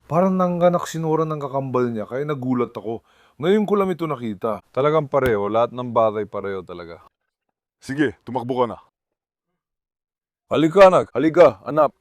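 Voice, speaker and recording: A man's voice: mid-range voice, expressive, a little fast, no room sound. A man vlogging about his pets, talking casually to the camera and coaxing his dogs. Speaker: pet vlogger. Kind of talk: casual vlog narration to the camera.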